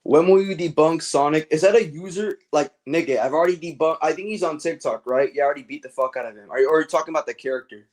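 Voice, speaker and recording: A man's voice: a little high, fast, few pauses. A man from California with a standard American accent, streaming casual commentary in a blunt, slangy way. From California, United States. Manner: blunt, slangy, heavy swearing. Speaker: livestreamer answering viewer questions.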